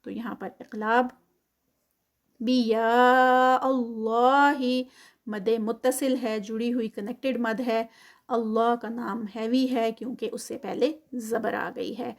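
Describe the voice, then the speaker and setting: A woman's voice: a little high, steady tone, gravelly, a little mellow. A woman teaching Quran recitation rules with patient, step-by-step explanation. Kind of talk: tajweed lesson with recitation.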